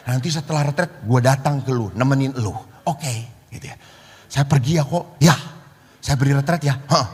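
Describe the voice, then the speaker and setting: A man's voice: mid-range voice, a little hiss or hum. A middle-aged man, a priest, preaching a sermon and telling a story with acted-out dialogue. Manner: lively storyteller acting out dialogue. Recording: long church reverb.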